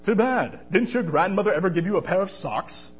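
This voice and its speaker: A man's voice: sits high, expressive, fairly quick, breathy edge. A man voicing a snooty, stern restaurant host in a children's story, with a curt, haughty delivery.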